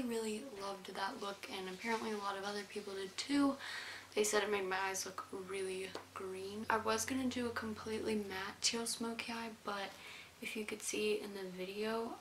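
A young woman talking informally as a beauty vlogger in a casual chit-chat makeup tutorial, often trailing off. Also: mid-range voice. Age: young adult. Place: indoor room, plain wall. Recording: roomy echo, faint hiss.

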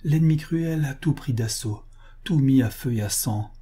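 A man's voice: medium pitch, normal speed, warm tone, slightly rough, lightly acted. A man voicing a grief-stricken young woman in an audiobook, speaking in a trembling, pleading way. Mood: distraught. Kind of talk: audiobook character reading.

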